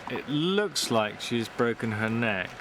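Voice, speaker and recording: A man's voice: mid-range voice, lively intonation, slow, a crowd in the background. A man making a casual, informal on-site assessment. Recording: very noisy outdoor location sound.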